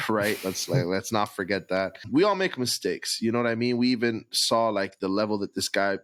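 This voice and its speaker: A young man co-hosting a casual basketball podcast, talking in energetic slang and reeling off stats. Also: on the low side, normal speed, slight background noise. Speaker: podcast co-host. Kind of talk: casual sports chat.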